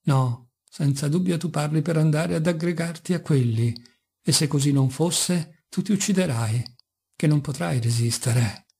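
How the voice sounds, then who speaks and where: A man's voice: fairly high pitch, unhurried, creaky, a little mellow, breathy edge, full character voice. A man reading as a pained, pleading young novice. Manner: pleading, sorrowful.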